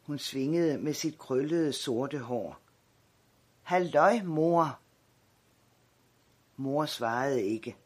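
A man narrating an audiobook, calm and measured. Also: mid-range voice, slightly rough.

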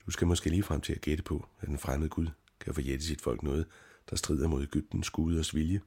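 A man voicing a proud, fiercely angry old priest in an audiobook reading, with a husky voice and scolding, pleading outbursts. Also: rumbling low, fairly even intonation, warm tone, exaggerated voice. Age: older.

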